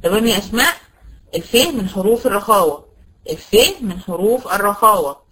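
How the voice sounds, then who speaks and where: A woman with an Egyptian Arabic accent teaches a tajweed lesson as a Quran recitation teacher, patiently quizzing her students and correcting their answers. Her medium-pitched voice is animated, fast, a bit bright and slightly rough, and the recording quality is low.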